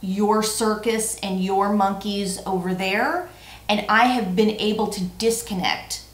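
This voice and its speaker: In an echoey, roomy recording, a vlog co-host in her forties answers tag questions in casual chat. She speaks slowly with a steady, medium-pitched voice, staying playful and emphatic and frequently repeating herself.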